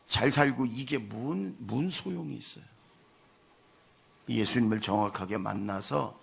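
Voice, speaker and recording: A man preaching a Sunday sermon as pastor, telling stories and swinging from soft asides to loud acted-out lines. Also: mid-range voice, vocal fry, husky.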